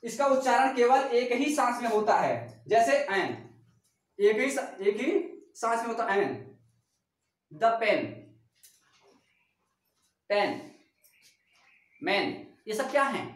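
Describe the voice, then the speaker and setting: Woman teacher, fairly high voice, repeats and quizzes, far off in an echoey room. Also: sing-song, takes it slowly, long pauses. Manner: repetitive, asks rhetorical check-questions. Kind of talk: classroom grammar lesson.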